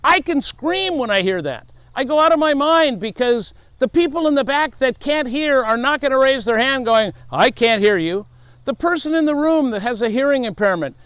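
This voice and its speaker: In a dry recording, a middle-aged safety speaker with a very high, smooth, slightly bright voice speaks to camera. He earnestly advises viewers and recounts stories from his past as a speaking tip.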